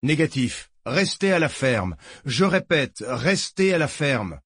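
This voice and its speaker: A man's voice: mid-range voice, big pitch swings, takes it slowly, a bit bright, husky, no room sound, studio quality, voice pushed up, heavily acted. A man voicing a curt, commanding male federal agent giving clipped orders over the radio.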